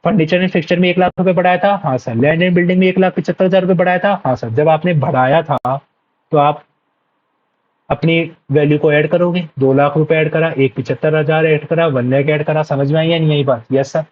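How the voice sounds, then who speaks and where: A man's voice: on the high side, steady tone, a little fast, lo-fi sound. Man teaching, answering his own checks. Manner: asks rhetorical checks and answers himself, "yes sir"; repeats key points, addresses students as sir. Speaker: accounts teacher. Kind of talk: exam revision lecture.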